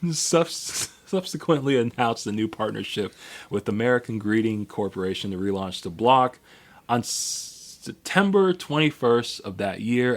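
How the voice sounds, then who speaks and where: A man co-hosting a podcast in casual chat, rambling through a history with many fillers and restarts. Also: mid-range voice. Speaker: podcast co-host.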